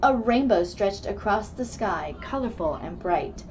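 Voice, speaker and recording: Reading a rhyming picture book and then talking it over casually with children, this kids' club host speaks earnestly and instructively. Her medium-pitched voice is animated, a little slow and a little mellow, with soft background music. The recording is muffled and lo-fi, with faint background noise.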